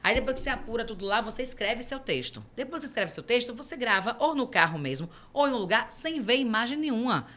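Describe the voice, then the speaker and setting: A middle-aged woman with a Brazilian Portuguese accent, a podcast guest who tells stories in a lively way and acts out the dialogue. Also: fairly high pitch, quick pace, hardly any pauses. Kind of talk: conversational storytelling.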